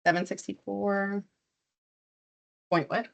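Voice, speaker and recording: A woman's voice: mid-range voice, little pitch movement, slow, creaky, slight background noise. A woman math teacher who is losing her voice from illness, walking a classroom through problems step by step and quizzing students as she goes. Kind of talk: classroom lesson.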